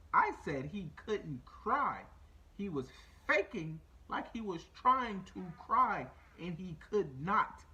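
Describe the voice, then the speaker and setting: Male podcast host, casual rant, swearing a lot, lively pitch that leaps up, repeats himself. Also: poor audio. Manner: animated, profane, repeats points, voice jumps high when incredulous.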